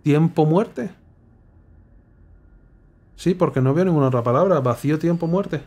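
A young man playing a puzzle game and thinking aloud, muttering clues to himself with sudden excited outbursts. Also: on the high side, a little slow. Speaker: gameplay streamer. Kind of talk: casual puzzle game commentary.

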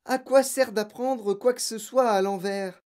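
A narrator voicing a gentle young schoolteacher in an audiobook, speaking patiently and firmly. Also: mid-range voice, a little slow, pitched above the performer's own voice, lightly acted. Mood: earnest. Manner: patient, firm, softly reasoning. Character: gentle young female teacher, calm and principled. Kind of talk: audiobook character voice.

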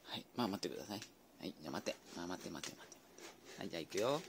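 A man chats to his pet dogs at home in a playful, coaxing way. His pitch swings widely up and down as he talks. A faint hiss of noise sits behind him. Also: lively intonation, racing, creaky. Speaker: vlogger predicting a horse race with his dogs. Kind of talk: casual chat to pets.

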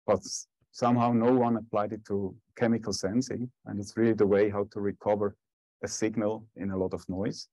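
A man's voice: lowish voice, mellow, no echo, poor audio. A man giving a technical talk and answering questions as a scientist at a conference. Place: conference lecture room.

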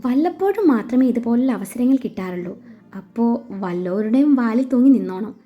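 A woman's voice: on the high side, animated, a little fast, natural voice. A woman voicing a young man who playfully teases his fiancée in a read-aloud story. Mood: teasing. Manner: playful, mock-scolding. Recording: slightly dull with faint music.

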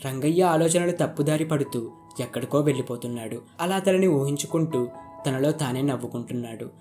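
A man giving a scripted, even-paced story narration as storyteller. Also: mid-range voice, brisk. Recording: narration over faint guitar music. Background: faint guitar music.

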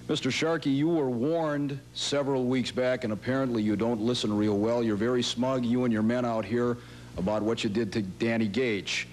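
A man's voice: medium pitch, steady tone, moderate pace, a little mellow. Stern male official in a wrestling promo. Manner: stern, scolding, formal. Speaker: broadcast crew and rules committee official. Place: small curtained interview set indoors. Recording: noisy old videotape with hum.

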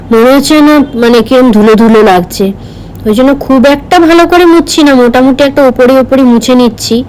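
A woman's voice: high voice, a little mellow, slight background noise, poor audio. A woman, chatting casually through a home vlog, rambling with many fillers. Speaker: vlogger.

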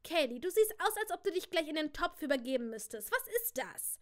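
A woman putting on a shrill, snide teenage girl. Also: expressive, brisk, a bit bright. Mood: snippy. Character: snippy, scornful teenage girl cousin.

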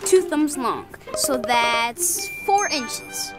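A woman's voice: high-pitched, expressive, very slow, music in the background, exaggerated voice. A woman voicing a goofy young boy hero in a cartoon, who brags about his trivia. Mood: proud.

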